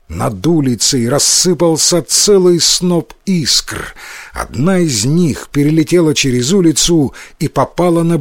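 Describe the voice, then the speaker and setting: Male storybook narrator, animated delivery, dry close recording. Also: fairly high pitch, no room sound. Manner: expressive storytelling with voiced characters. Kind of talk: storybook reading.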